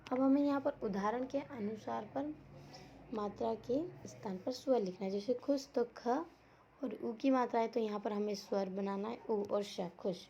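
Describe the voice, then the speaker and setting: A woman's voice: a little high, moderate pace, mellow. A woman teacher giving an online class lesson for young children, talking patiently, repeating words and asking the class questions. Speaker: school teacher. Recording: dull lo-fi audio with faint noise.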